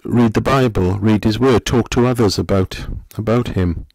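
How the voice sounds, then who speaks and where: A middle-aged man, a pastor, giving a gentle, conversational sermon full of questions to the listener. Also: on the low side, normal speed, creaky, no echo.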